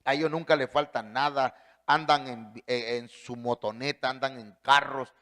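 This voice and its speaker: A man's voice: mid-range voice, fairly even intonation, normal speed, a bit bright, pitched below the performer's own voice, natural voice. A man voicing an earnest, poor young boy in a sermon story, pleading with his father.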